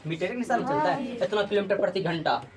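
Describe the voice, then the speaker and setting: A woman's voice: mid-range voice, animated, brisk, darkish tone. A woman teaching a physics class, drilling students with repeated call-and-response questions. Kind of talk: classroom lecture.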